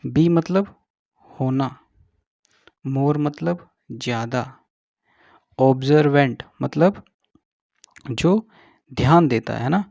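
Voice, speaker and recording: A man with a gravelly, mellow voice teaches English at a very slow pace, stretching out each English word. He checks in with the listener after every point. The sound is dry and a little dull. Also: mid-range voice, lively intonation, no echo. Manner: slow, drawn-out English words, repeats with "ठीक है". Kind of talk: slow explanatory lesson.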